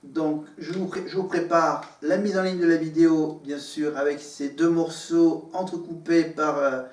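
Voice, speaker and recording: A man's voice: on the high side, steady tone, a little slow, darkish tone, a little hiss or hum. A man vlogging from his living room, talking to the camera in a meandering way with many fillers and restarts. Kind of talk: rambling casual monologue to camera. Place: living room at home, in front of a green screen. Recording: echoey room, far from the mic.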